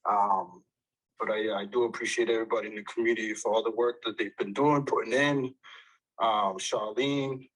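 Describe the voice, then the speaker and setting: A man talking into a phone, out of breath, halting with many fillers and restarts, earnest and eager. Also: lowish voice, fairly even intonation, fairly bright tone, poor audio. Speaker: audience speaker. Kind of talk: casual chat on an audio call.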